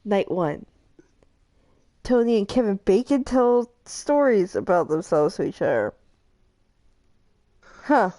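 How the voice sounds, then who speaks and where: A woman's voice: medium pitch, sing-song, slow pace, long pauses, dark tone. A woman hosting a live game stream, chatting casually and reading game events aloud, giggling often between lines. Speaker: streamer host.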